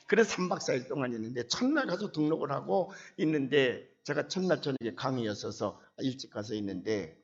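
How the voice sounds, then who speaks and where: A man's voice: on the high side, gravelly, breathy edge, dull audio. A man in his seventies preaching a sermon, telling a personal story and acting out the dialogue with rising indignation. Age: 70s. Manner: animated, acts out dialogue, voice swells with indignation. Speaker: pastor.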